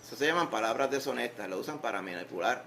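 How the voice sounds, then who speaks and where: A man's voice: medium pitch, expressive, fast, vocal fry, bright, forceful tone, slight background noise. A man with a Puerto Rican accent preaching a sermon in church, conversational, with humor and rhetorical questions. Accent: Puerto Rican Spanish. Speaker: pastor. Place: church sanctuary.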